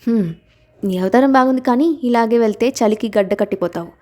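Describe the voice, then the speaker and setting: A woman's voice: a little high, brisk, mellow, natural voice. A woman doing a protective, commanding husband. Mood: tender. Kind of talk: dramatized audiobook reading.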